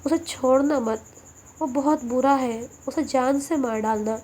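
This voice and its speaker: A woman voicing a dying young woman who speaks in weak, halting, stammering phrases. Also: high-pitched, dark tone. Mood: weak pleading.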